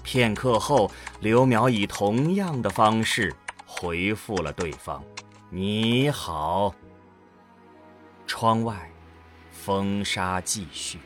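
A man with a fairly low voice narrates a scripted science-fiction audio drama extremely slowly and in a dramatic storytelling style. Faint music plays in the background.

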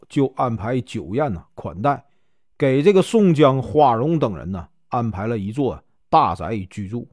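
A man's voice: mid-range voice, no room sound, clean studio sound. A man telling a classic novel in a casual storyteller's way, sprinkling filler particles between phrases.

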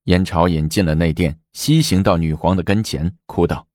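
Low-voiced male storyteller. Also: normal speed, no echo, studio quality. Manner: animated, dramatic narration. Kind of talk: historical storytelling.

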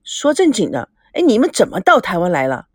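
A woman's voice: fairly high pitch, very animated, a little fast, breathy edge, dry recording. An earnest, sincere young man in an audiobook story, as a woman narrator reads him. His voice rises and falls a lot. The sound is close and dry. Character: earnest, honest young man, startled and warm.

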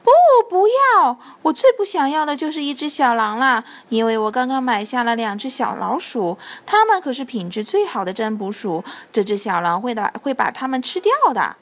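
A woman's voice: on the high side, very animated, moderate pace, few pauses. A woman voicing a fussy witch who shrieks her protests in a storybook reading. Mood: alarmed.

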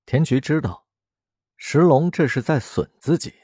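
A man narrating an audiobook in an expressive storytelling manner. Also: fairly high pitch, a little slow, breathy edge, no echo, studio quality.

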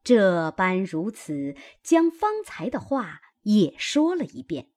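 A woman's voice: mid-range voice, big pitch swings, slow, a little mellow. A woman reading a classic novel aloud as dramatic storytelling. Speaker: audiobook reader.

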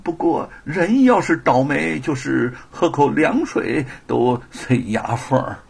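A man's voice: a little high, expressive, takes it slowly, creaky, slightly rough, exaggerated voice. A man voicing a poor young male thief who stammers and repeats his words, sheepish and pleading.

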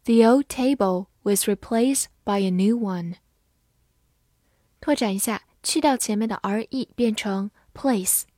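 Reading from a script, a woman teaches English vocabulary, spelling words letter by letter and slowly reading example sentences. Her mid-range voice has a warm tone. The recording is clean, echo-free studio sound.

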